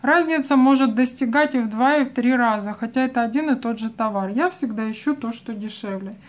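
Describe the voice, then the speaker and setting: A woman with a high, light voice talks through her latest small purchases one by one. She speaks warmly and directly to her viewers, in a chatty review manner. She is recorded indoors at a table while the camera looks down at her hands. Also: brisk. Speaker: vlogger reviewing online purchases. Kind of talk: unboxing review talk.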